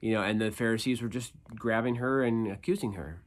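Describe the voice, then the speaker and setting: A man's voice: on the low side, fairly quick. A man speaking as an upbeat youth pastor, giving an informal, conversational devotional with slangy phrasing and emphatic repetition. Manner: upbeat youth-pastor delivery, casual and animated. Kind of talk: informal youth devotional talk with scripture reading.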